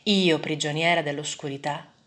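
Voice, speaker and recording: A woman reading a first-person story aloud in a measured, dramatic way. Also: low voice, fairly even intonation, fairly bright tone.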